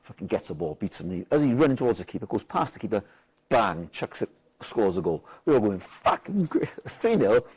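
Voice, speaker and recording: A Welshman with a fairly low, husky voice talks fairly quickly. He's a football manager telling a match story in casual chat, animated and swearing a lot, loudly acting out what people said.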